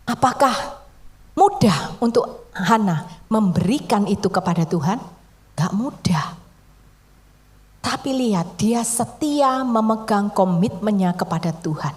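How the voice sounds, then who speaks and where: A woman preaching a sermon in a conversational storytelling way, often dropping to a soft near-whisper for emphasis. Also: a little high.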